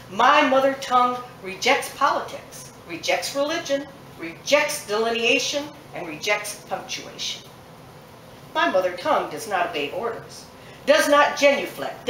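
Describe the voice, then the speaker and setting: A woman poet performs her poem live at a bookshop during a poetry festival, her rhythmic, emphatic delivery building through long lists. Her voice is a little high and a bit bright, captured in an echoey room by a far-off mic with slight background noise.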